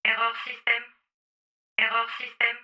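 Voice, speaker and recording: A malfunctioning machine speaks in a glitching, robotic monotone, put on by a woman. It is slow, level and sharply bright. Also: fairly high pitch. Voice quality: flat, monotone, mechanical. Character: malfunctioning computer voice repeating an error.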